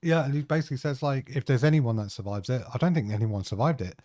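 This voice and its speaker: A man's voice: medium pitch, fast, dark tone, dry recording. A young man co-hosting a podcast, recorded close and dry with no room behind him. He rambles through his notes with plenty of fillers, his throat strained by a coughing fit. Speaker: podcast co-host. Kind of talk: casual chat.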